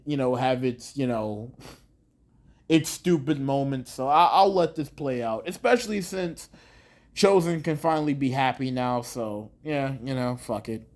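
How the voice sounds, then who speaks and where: A man talking through his thoughts on a show in a casual, rambling way, with many fillers and restarts and some casual swearing. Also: medium pitch. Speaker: show reviewer. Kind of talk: casual video review.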